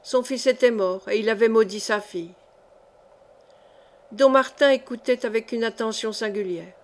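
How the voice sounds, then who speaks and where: A woman reading a historical novel aloud in a measured, clear way. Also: on the high side. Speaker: audiobook reader.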